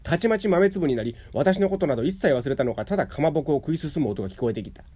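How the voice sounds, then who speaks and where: Calm man reading literary fiction. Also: fairly high pitch, quick pace, husky. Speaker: narrator.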